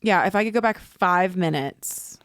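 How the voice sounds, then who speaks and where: A woman's voice: lowish voice, animated, moderate pace, dry recording, clean studio sound. A young woman co-hosting a podcast, chatting casually in an earnest, giggly way. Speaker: podcast co-host. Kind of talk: casual chat.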